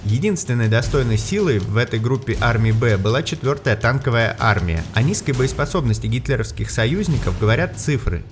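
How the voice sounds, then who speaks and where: A man presenting scripted history narration with explanatory, opinionated commentary. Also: medium pitch. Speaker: history channel host and narrator. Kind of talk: scripted documentary-style narration. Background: background music.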